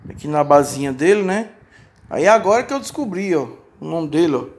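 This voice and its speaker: A Brazilian man with a Brazilian Portuguese accent, vlogging an unedited unboxing in an excitable, chatty way, exclaiming often and muttering while he works. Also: on the high side, brisk. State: moved, close to tears. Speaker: YouTube vlogger unboxing a fan's gift. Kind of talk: casual unedited unboxing vlog. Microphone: handheld phone or camera, shaky.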